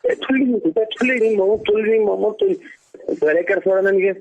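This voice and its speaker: A man's voice: sits high, fast, a little mellow. Cursing man on a muffled phone line. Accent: Doddaballapur Kannada. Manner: cursing and retorting.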